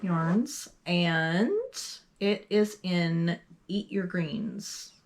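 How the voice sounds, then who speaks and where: A woman from Texas co-hosts a relaxed podcast, speaking at an unhurried, drawn-out pace. Her voice sits somewhat low, and she often pauses with ums and loses her thread. The talk is easy, friendly chat. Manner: slow, chatty, trailing off with ums. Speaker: podcast co-host. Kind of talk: casual knitting podcast chat.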